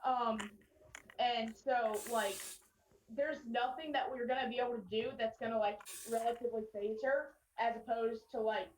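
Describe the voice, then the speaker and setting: A woman's voice: a little high, steady tone, moderate pace, roomy sound, recorded from a distance, slight background noise, poor audio. A woman playing a tabletop game, chatty and full of "like". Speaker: player. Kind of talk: casual tabletop game chat.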